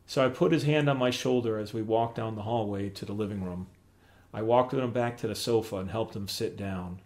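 A middle-aged man reading aloud from his own memoir in a plain, measured storytelling way. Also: medium pitch, gravelly, a little mellow.

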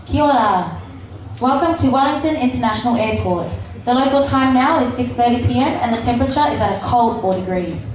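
A woman's voice: a little high, lively intonation, a little fast. Woman giving a mock captain's cabin announcement. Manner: formal, scripted announcement reading. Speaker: mock airline captain at a student event. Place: large hall at a live event. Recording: echoey hall PA, far off, noisy.

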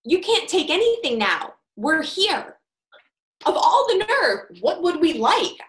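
A woman acting an affronted young wife in a play, spluttering with outrage. Her high voice swoops about as she repeats herself in disbelief, heard in an echoey room over a video call. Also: very animated, takes it slowly, a bit bright, slight background noise, full character voice. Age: young adult. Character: indignant, affronted young wife confronting a thief. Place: indoors, plain room.

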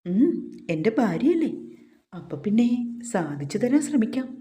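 A woman voicing a cool, teasing young husband who answers calmly in a storybook reading. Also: a little high, normal speed.

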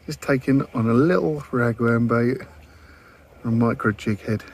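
A man, casually presenting a fishing vlog in a relaxed way with plenty of fillers. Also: medium pitch, moderate pace. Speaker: fishing vlogger. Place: inside a parked car, then outdoors on seaside rocks.

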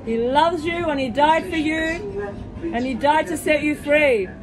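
Inside a moving train, a woman preaches with fervor to the passengers, calling out hallelujahs and making direct appeals while filming on her own phone. Her voice is expressive and measured, heard over music in a rough recording full of loud train rumble.

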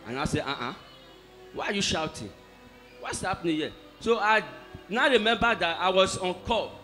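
A man with a high, lively voice that swings widely, telling his testimony in an animated way. Soft music plays under him. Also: normal speed. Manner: animated storytelling of an ordeal. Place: church hall.

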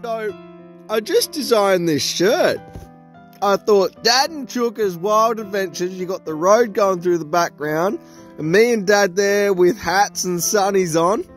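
A man's voice: high voice, a little slow, faint music behind. A young Australian man chatting casually for a travel vlog, with a laid-back, slangy, enthusiastic way of talking, recorded on a handheld phone. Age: young adult. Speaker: vlogger.

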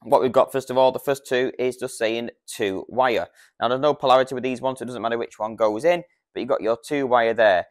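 A British man in his thirties, brisk and mid-range in voice, explains a product in an informal, practical demonstration. He takes it step by step, captured through a lavalier lapel mic.

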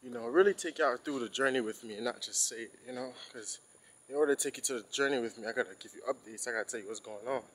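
A man's voice: mid-range voice, fast, a little hiss or hum, poor audio. A young man, a college student, talking casually into his phone while walking outdoors on campus. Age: young adult. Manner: relaxed, loose and conversational.

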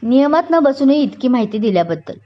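A woman's voice: high voice, expressive, a little fast. A woman voicing a young male police inspector who is polite, eager and chatty. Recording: dull lo-fi recording.

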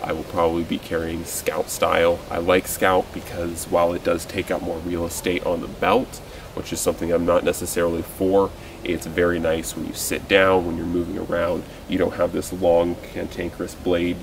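Low gravelly young man outdoors. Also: normal speed. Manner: relaxed, conversational, with frequent fillers and restarts. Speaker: outdoors video host. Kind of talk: casual gear talk to camera. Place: outdoors by a truck in a forest clearing. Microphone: camera at a distance. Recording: distant mic with loud outdoor noise.

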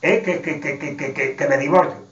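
A man voicing an irritated, quick-witted wife and mother of six in a told joke, speaking in a shrill, exclaiming way. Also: a bit bright, lightly acted. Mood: warning. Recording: roomy, distant, dull sound.

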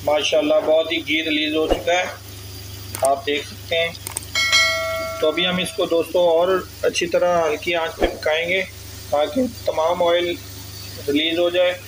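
A man's voice: on the high side, little pitch movement, unhurried, long pauses, background noise. A man hosts a cooking channel and explains a recipe step by step. He speaks to his viewers as friends. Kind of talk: cooking tutorial. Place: home kitchen.

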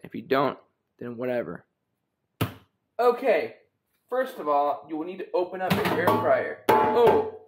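Heavy background noise fills this clip from a camera mic on a wide-angle camera resting on the counter. A young man with a fairly high voice hosts a joking cooking tutorial in his home kitchen, working as he chats offhand and playfully to the camera.

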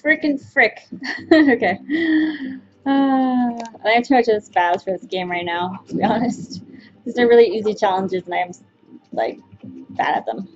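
A woman's voice: medium pitch, a little slow. A young woman doing casual let's play commentary as the host, playfully self-deprecating, exclaiming and muttering as she plays. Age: young adult. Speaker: gamer host. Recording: slightly dull sound.

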